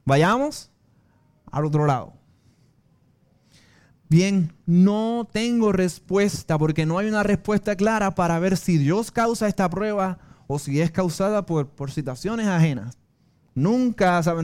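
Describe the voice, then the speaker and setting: A man's voice: sits high, a little slow, darkish tone, clear, resonant tone. A male pastor with a Puerto Rican accent preaching a sermon in an earnest way, weaving in personal stories. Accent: Puerto Rican Spanish.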